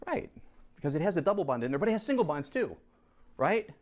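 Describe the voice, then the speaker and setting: A man's voice: fairly high pitch, fast talker. A man teaching a chemistry class, coaxing and teasing students as he goes over review problems. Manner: lively, teasing, coaxes students to answer. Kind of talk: classroom lesson.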